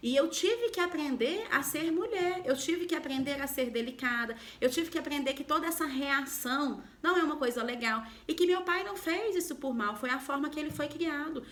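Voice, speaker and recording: A woman from Goiânia speaks with a bright, high voice, coaching the viewer on emotional health. She talks straight to the listener and fires one rhetorical question after another. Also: lively intonation, brisk, few pauses. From Goiânia, Brazil. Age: adult, mother of a daughter. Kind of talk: motivational talk to camera.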